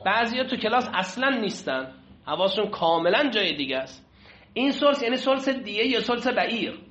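A man's voice: high voice, very animated, fairly bright tone. A man teaching a class, reading Arabic text aloud and explaining it in Persian, often asking his students questions. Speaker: seminary teacher. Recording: echoey room, muffled lo-fi sound.

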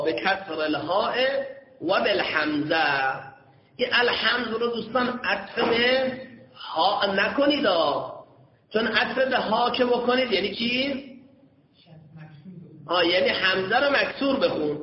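Guy teaching a class, high voice, reads arabic bits slow then explains, keeps asking if students follow, roomy echoey hall. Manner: checks understanding with frequent questions to students. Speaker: seminary teacher. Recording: echoey hall, dull lo-fi sound.

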